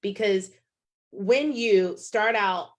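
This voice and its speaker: A woman in her thirties hosting her own podcast as a fitness coach, talking casually and bluntly, with swearing and quick impressions of her clients. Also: medium pitch. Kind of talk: casual solo podcast monologue.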